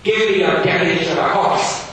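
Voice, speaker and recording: A man reading aloud as a stern, pompous Victorian schoolmaster, commanding and loud, recorded from a distance in an echoey room with background noise. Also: a little fast, lightly acted. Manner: booming and commanding.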